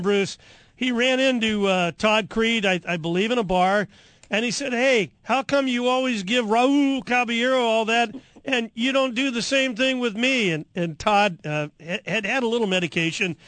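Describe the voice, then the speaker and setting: A man's voice: high-pitched, fairly bright tone, no room sound. A man hosting a sports radio show from a studio at a ballpark, rambling with frequent fillers as he loses his voice. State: losing his voice. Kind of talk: casual radio talk.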